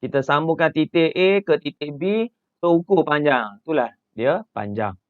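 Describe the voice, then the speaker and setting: A man's voice: on the high side, normal speed, no room sound. Malaysian male teacher on a tinny line. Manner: explains step by step, many "ha" and "okay" fillers, asks the class questions. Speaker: secondary school science teacher. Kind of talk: narrated slide lesson.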